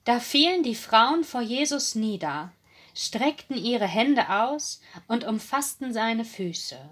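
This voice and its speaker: A woman reads a Bible story aloud as storybook narration, slow and deliberate, with dramatic swells and hushed moments. Her voice is breathy and slightly husky, pitched a little high for a woman, and she lets every phrase unfold unhurried. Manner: slow, dramatic, expressive reading.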